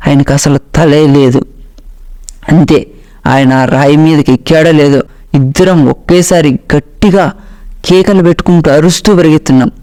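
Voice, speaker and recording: A man narrating a first-person ghost story as a storyteller, dramatic and slowing down for suspense. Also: a little high, fairly even intonation, mellow.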